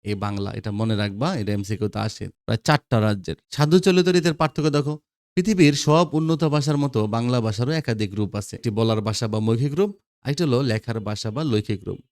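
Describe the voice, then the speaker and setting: A man's voice: mid-range voice, brisk, a little mellow, dry recording, studio quality. A man with a Bangladeshi Bengali accent, lecturing school students on grammar, quizzing them and repeating the answers. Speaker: teacher.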